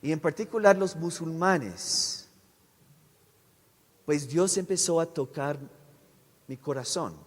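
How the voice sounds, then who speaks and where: A man giving a sermon testimony as a visiting missionary speaker. He speaks haltingly, restarts his words often and keeps checking with the audience. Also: fairly high pitch. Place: church sanctuary. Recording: long echo of a large church hall.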